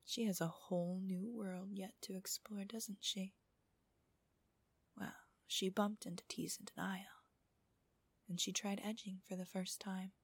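A woman narrating an adult ASMR audio in a soft, breathy whisper, with a slow, intimate and teasing manner. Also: medium pitch, steady tone, no echo. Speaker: host of erotic relaxation audios.

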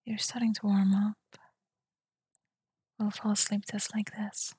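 A woman whispering softly in a tender, soothing ASMR roleplay, speaking close to the mic. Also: medium pitch, flat delivery, no echo. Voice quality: breathy whisper. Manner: soft, tender and soothing, slow murmurs. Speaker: girlfriend roleplayer.

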